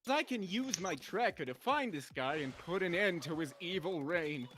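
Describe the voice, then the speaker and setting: A man playing an excitable, vain, dim-witted Luigi in an amateur comedy story, rambling and exclaiming in a hammy way. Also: high voice, normal speed, a little hiss or hum. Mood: grandiose.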